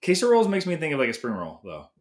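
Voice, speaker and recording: Talking fast with wildly swooping pitch, a slightly high-voiced man hosts a live cooking stream in his home kitchen, rambling chattily and correcting himself while he cooks. Echo and background noise fill the recording.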